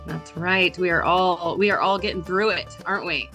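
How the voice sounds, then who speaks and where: A woman's voice: fairly low pitch, steady tone, moderate pace, sharp tone, soft background music. A woman co-hosting a podcast as an HR director, chatty and peppered with "like". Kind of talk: casual podcast chat.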